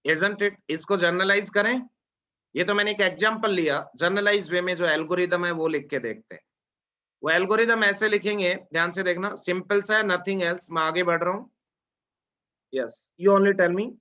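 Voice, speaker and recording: A man teaching an online class, drawling out formulas slowly and often checking that his students follow. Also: sits high, pushed and bright. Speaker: lecturer. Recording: dull lo-fi lecture audio.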